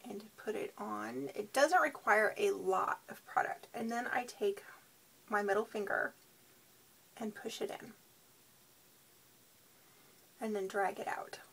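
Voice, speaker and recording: A woman giving a casual beauty product demo, sounding tired and sleep-deprived, with a husky, creaky voice. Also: medium pitch, slow pace, pauses often, a bit bright. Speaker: beauty reviewer.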